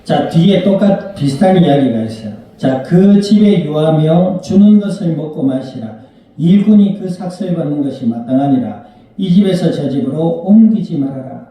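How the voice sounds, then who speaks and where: Korean pastor preaching in an echoey church. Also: male voice, fairly high pitch, animated, normal speed, warm tone, slight background noise. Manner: conversational preaching, asking the congregation questions and acting out little scenes. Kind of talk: sermon. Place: church sanctuary. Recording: very echoey church hall, mic at a distance.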